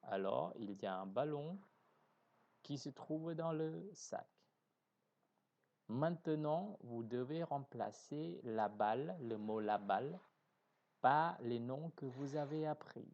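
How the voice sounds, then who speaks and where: A man teaching a beginner French lesson, articulating each word slowly and carefully and often correcting himself mid-sentence. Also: medium pitch, lively intonation, vocal fry, darkish tone, muffled recording. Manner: slow, deliberate, carefully articulating words.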